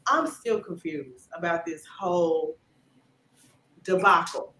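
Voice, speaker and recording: A woman in her forties hosting a casual gossip commentary, talking in an animated, emphatic way. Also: slow, slight background noise. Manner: animated and emphatic, drops low when doubtful. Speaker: channel host. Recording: roomy echo.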